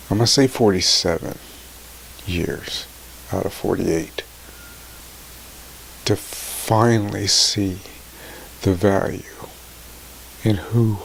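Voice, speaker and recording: Slow, gravelly man in his forties, tearful. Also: lowish voice, a little hiss or hum. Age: 40s. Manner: slow, halting and tearful, voice dropping to near whispers. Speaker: motivational vlogger. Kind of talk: emotional personal talk to camera.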